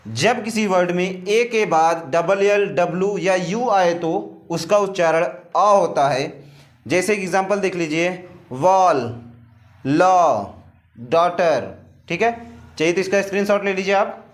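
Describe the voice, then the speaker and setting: A man's voice: high voice, normal speed. A man teaching English pronunciation in Hindi. He spells each word out letter by letter and patiently repeats the rules. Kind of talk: slow explanatory lesson in Hindi.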